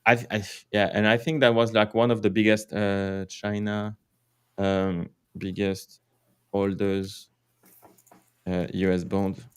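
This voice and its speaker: A man's voice: lowish voice, level tone, unhurried, clear, resonant tone. French-accented man, rambling livestream chat. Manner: rambling, filler-heavy, swears, laughs often. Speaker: crypto livestream host.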